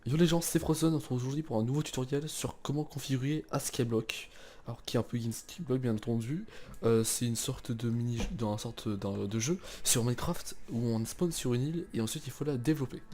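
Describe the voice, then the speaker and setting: A young man hosting a casual game server tutorial, chatty and relaxed, with many fillers and restarts. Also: medium pitch, brisk. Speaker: tutorial host.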